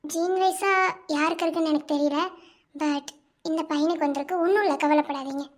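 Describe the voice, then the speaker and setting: A calm, reassuring woman doctor in a cartoon , voiced by a performer. Her voice sits very high, and she soothes a worried family by repeating her reassurances. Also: fairly quick, lightly acted.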